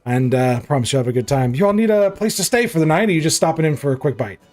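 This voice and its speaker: A man's voice: a little high, expressive, quick pace, a little mellow, soft background music, natural voice. A man voicing a large female orc tavern keeper, folksy, chatty and hospitable, in a tabletop game. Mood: welcoming, chatty. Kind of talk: tabletop role-play character voice.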